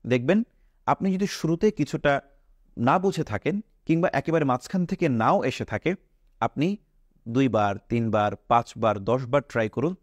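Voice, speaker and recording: A man's voice: mid-range voice, normal speed, no echo. A man teaching Arabic letter pronunciation in a recorded lesson, patiently drilling each sound and asking the viewer to repeat after him. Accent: Bangladeshi Bengali. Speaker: Quran teacher.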